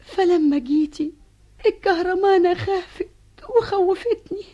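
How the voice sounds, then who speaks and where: A woman's voice: extremely high pitch, moderate pace, mellow. An actress playing a fearful, tender queen mother with an Egyptian accent in a vintage radio drama, talking in a soothing, confiding way. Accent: Egyptian Arabic. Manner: soothing, confiding, sometimes whispering. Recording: dull old radio broadcast.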